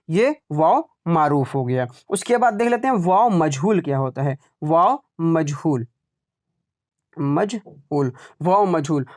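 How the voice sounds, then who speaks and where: In an exam-preparation class, a high-voiced man drills pronunciation by saying words out loud repeatedly, and he poses questions only to supply the answers himself.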